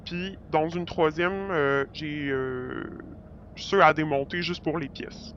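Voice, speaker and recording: Voice-changed woman smuggler, played by a performer, hesitant and full of fillers, mid-pitched, dull lo-fi sound. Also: takes it slowly, fairly bright tone, a little hiss or hum. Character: secretive woman digital nomad van driver. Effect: voice changer disguising the voice.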